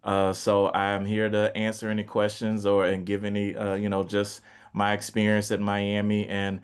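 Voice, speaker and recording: Smooth, even-toned friendly man. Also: lowish voice, moderate pace. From Detroit, Michigan. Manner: friendly, hesitant, many uh fillers. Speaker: alumnus panelist. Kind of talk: casual panel introduction. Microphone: video call.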